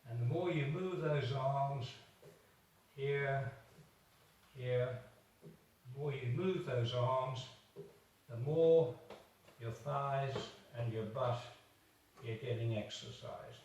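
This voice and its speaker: A man, a doctor, slowly coaching home exercises while demonstrating them, a little out of breath. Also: medium pitch, a little mellow. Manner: slow, encouraging, demonstrating while talking. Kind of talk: instructional exercise video. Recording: echoey room, far from the mic.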